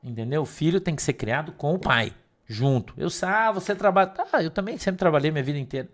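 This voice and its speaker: A middle-aged man preaching a sermon, emphatic, swinging between loud stresses and soft asides. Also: on the high side, lively intonation, quick pace. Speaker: pastor.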